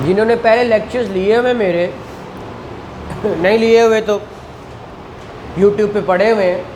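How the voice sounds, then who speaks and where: Steady and high-pitched at a moderate pace, a man with a Pakistani accent teaches law in an indoor classroom. He asks his students questions and goes over key phrases repeatedly. The recording picks up room echo and clear background noise.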